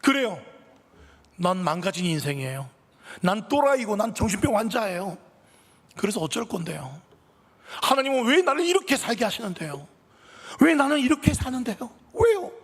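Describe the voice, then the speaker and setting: Brief: high, cracking teen boy in despair, put on by a husky preacher, echoing hall. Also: very animated, normal speed, pauses often, full character voice. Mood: anguished. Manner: shouting desperate questions. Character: anguished teenage son crying out at his mother.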